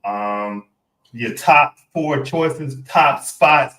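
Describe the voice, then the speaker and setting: A man's voice: medium pitch, very slow, bright, forceful tone. A man hosting a casual podcast chat, laid-back and often restarting his words. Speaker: podcast host. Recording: roomy echo.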